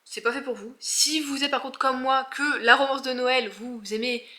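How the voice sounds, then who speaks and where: A young woman with a northern French accent chats animatedly to her camera, her voice sitting a little high. Her tone is bright and forward, and she keeps the talk loose with lots of fillers. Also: normal speed. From northern France. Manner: chatty, animated, many fillers. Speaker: book vlogger. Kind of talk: casual vlog chat.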